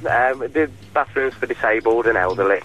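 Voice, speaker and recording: A man's voice: medium pitch, brisk, fairly bright tone, dull audio, faint music behind. A man from the English Midlands, chatting casually as a phone-in contestant. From Derby, England. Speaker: contestant calling in.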